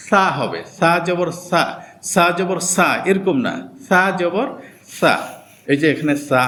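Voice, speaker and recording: A man teaching Quran reading, going slowly through each point and sounding out the letters one by one. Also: on the high side, fairly bright tone, slight background noise. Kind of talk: slow step-by-step lesson.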